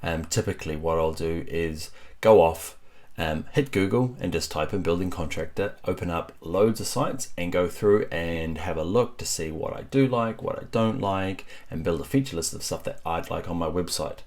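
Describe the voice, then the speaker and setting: A Kiwi web developer with a very low, deep voice hosts a casual screen-recorded web tutorial, speaking hushed and rambling with lots of fillers at a moderate pace. He records on his computer mic at home at night while his family sleeps.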